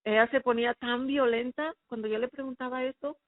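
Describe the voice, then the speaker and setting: A woman's voice: fairly high pitch, steady tone, a little fast, no room sound. A woman giving a personal faith testimony, recounting her past in an earnest, emotional way. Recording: phone-like narrow sound, dry.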